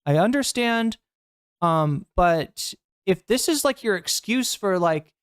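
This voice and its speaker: A woman streaming to her chat, reacting to clips in a blunt, heated way and swearing freely. Her voice sits in an ordinary middle pitch. The sound is close and dry, with no room echo. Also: lively intonation, slow, clean tone. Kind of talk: casual livestream commentary.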